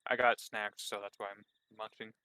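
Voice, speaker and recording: A man's voice: lowish voice, flat delivery, normal speed, pushed and bright, clear, resonant tone, dry recording. A man narrating as game master of a tabletop game, hesitant, with many fillers and restarts.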